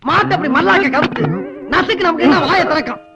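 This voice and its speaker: An actor in a Tamil comedy film playing a boastful villager who rattles off silly advice. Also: male voice, very high-pitched, muffled recording, music in the background. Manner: boastful, rapid, scheming.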